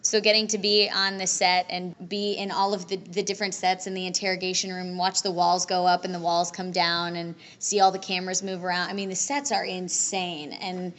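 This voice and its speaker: A woman's voice: fairly low pitch, level tone, fairly bright tone. A young adult woman, an actress, chatting upbeat in a casual convention interview. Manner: chatty, upbeat, quick restarts. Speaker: voice and screen actress, interview guest.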